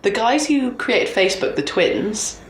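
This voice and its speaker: A woman's voice: mid-range voice, big pitch swings, a little slow. A young woman with a British accent chatting casually as a co-host, in a loose, informal way. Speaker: podcast co-host. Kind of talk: casual chat. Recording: roomy echo, faint background noise.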